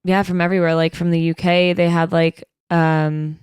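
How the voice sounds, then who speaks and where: A woman with a slightly low, smooth, clear voice, co-hosting a casual podcast. She teases her co-host in an upbeat, playful way, recorded dry and close. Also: flat delivery, normal speed, darkish tone, no echo. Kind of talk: casual chat.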